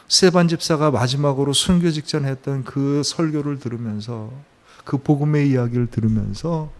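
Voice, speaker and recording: A man preaching a Sunday sermon as pastor, telling stories with acted quotes, rising to emphatic peaks and dropping to slow, soft phrases. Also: mid-range voice.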